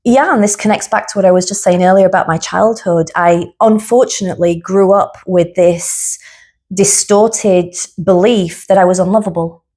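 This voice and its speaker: A woman's voice: medium pitch, steady tone, moderate pace, dark tone. Earnest woman guest telling her story. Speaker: guest psychotherapist. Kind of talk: personal reflective conversation.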